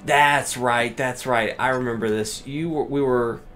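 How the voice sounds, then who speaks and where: A man chatting casually while playing a video game, rambling and excitable, with frequent restarts. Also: mid-range voice, a little slow, soft background music. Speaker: let's play co-host. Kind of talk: casual gameplay chat.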